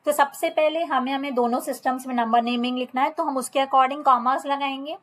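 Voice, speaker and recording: Reading slowly from a textbook, a woman with an Indian accent explains a maths problem step by step, switching between Hindi and English. Her high-sitting voice is steady and a bit bright.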